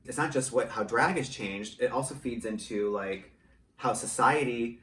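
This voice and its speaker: A man from rural Michigan who writes and produces audio dramas and performs in drag gives a frank, opinion-filled casual interview. His American voice is mid-range and fairly bright, moving at a normal speed. The indoor home studio recording sounds roomy and distant, with a faint hum of background noise.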